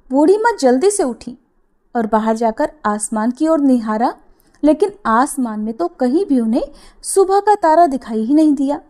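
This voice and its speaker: A woman narrating a devotional story in a gentle, expressive storytelling manner, voicing the quoted lines herself. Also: high voice.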